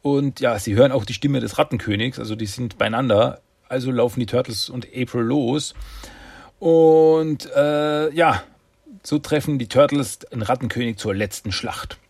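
A man's voice: medium pitch, normal speed, creaky, a little mellow, no room sound. A man recapping a cartoon episode in a rambling, chatty way. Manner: rambling, chatty, acts out voices. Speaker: host.

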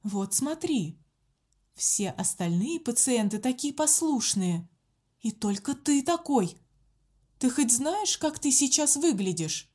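A woman's voice: sits high, very animated, slow, dark tone, voice pushed up, exaggerated voice. A woman voicing a cruel sorcerer disguised as a nun, speaking in a cold, mocking way. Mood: whispering menace.

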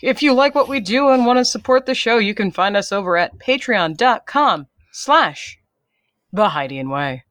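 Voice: mid-range voice, animated, moderate pace, fairly bright tone, dry recording. A player in a tabletop game podcast, making wry, dry remarks in casual chat.

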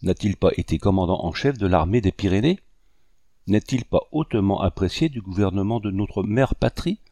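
A man voicing a gentle young French lady. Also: low voice, lively intonation, normal speed, dry recording, studio quality. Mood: earnest pleading. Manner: gentle, pleading and courteous. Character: earnest young French lady of colonial gentry.

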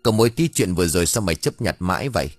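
A man doing a gruff henpecked old village shaman. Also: low voice, expressive, racing, no echo, faint music behind. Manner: gruff, blustering. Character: grumpy old male village ritual master, henpecked.

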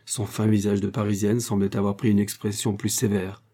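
A man narrating a novel in a steady, measured reading. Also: on the low side. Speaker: audiobook narrator. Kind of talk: scripted narration.

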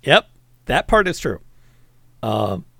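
Gravelly man chatting about movies. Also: medium pitch, very animated, slow, sharp tone, dry recording, studio quality. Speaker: podcast co-host. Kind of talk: casual movie-review chat.

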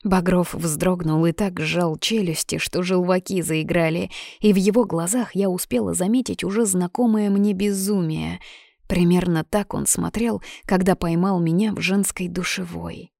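A woman reading a first-person story as audiobook narration in an even, story-telling way. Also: fairly low pitch, normal speed, gravelly, no echo, studio quality.

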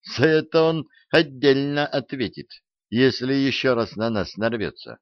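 A male narrator voicing a sly, quick-witted swindler who talks in a wry, needling way, in a dull, dry recording. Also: mid-range voice, no echo, pitched above the performer's own voice, close to an everyday voice. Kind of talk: audiobook character voice.

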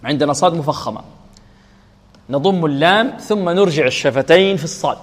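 A fairly high-voiced man teaches Quran recitation and drills each sound slowly, asking questions and answering them himself. His voice carries a long reverb, as in a radio broadcast. He breaks into slow, chanted verses as examples. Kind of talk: tajweed lesson with recited examples.

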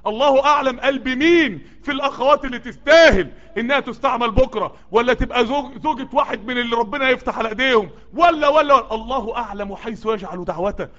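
Egyptian-accented male preacher, worked up and sweaty, bright sharp voice, exhorting at speed. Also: very high-pitched, quick pace, hardly any pauses. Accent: Egyptian Arabic. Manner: urgent, exhorting, repeated calls that build up. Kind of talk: sermon to a live group. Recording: dull lo-fi recording.

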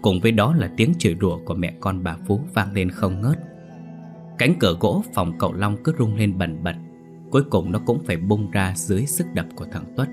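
A man narrating a dark horror story in a vivid, expressive storytelling manner. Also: fairly low pitch, brisk. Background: soft background music.

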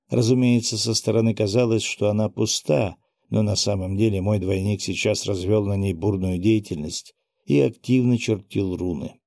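Guy reading an audiobook, low gravelly voice, dry close mic. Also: darkish tone, dry recording. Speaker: audiobook narrator. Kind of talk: first-person audiobook narration.

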